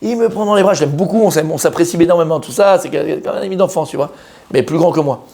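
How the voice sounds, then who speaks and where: Fast-talking rabbi telling a story. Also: male voice, fairly high pitch, vocal fry. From Israel. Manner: animated storyteller who acts out quoted voices. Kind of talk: storytelling sermon.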